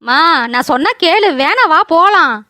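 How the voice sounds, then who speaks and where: A woman's voice: very high-pitched, lively intonation, normal speed, sharp tone, no echo, clean studio sound, full character voice. A woman voicing a sulky, sleepy young village daughter in a cartoon, whining and complaining. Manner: whiny, complaining. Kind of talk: cartoon voice acting.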